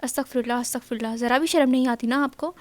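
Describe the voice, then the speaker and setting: A woman reading an audiobook, voicing a shy but sharp-tongued young wife with an indignant, pouting manner. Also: sits high, dry recording, natural voice.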